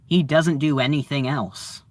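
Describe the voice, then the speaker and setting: A man giving a casual spoken review of a TV series, halting and searching for words with frequent fillers. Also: fairly high pitch, steady tone.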